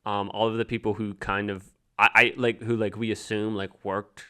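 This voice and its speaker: A man co-hosting a podcast, chatting casually in a halting way with lots of restarts. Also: lowish voice, flat delivery, bright, forceful tone, clear, resonant tone. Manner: halting, full of restarts and repeated "like". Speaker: podcast co-host. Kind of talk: casual chat.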